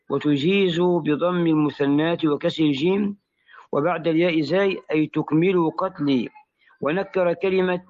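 A man's voice: a little high, phone-quality sound. Man reading a classical text aloud. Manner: careful reading that spells out vowels and letters.

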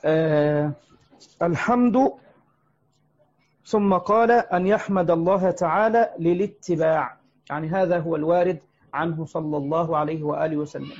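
High-voiced man teaching a religious lesson. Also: darkish tone. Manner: explanatory, with frequent hesitant fillers. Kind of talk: religious lesson explaining a text. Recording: muffled lo-fi recording.

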